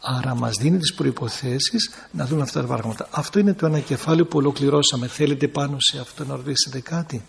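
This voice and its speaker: A man's voice: mid-range voice, creaky, hardly any pauses, a little hiss or hum. A man who is an Orthodox priest, teaching a group in a conversational sermon and acting out people in quoted bits. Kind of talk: talk to a group with questions.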